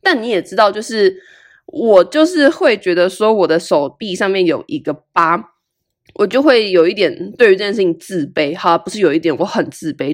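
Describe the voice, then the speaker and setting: A young woman, hosting a podcast and telling a personal story in a candid, casual way. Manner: candid and animated, with big swings in pitch. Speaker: podcast host.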